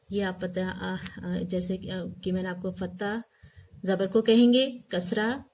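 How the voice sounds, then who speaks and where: A woman teaching a recorded recitation lesson, patiently drilling sounds and repeating each syllable, often checking in with the listener. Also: on the high side. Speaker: religious studies teacher.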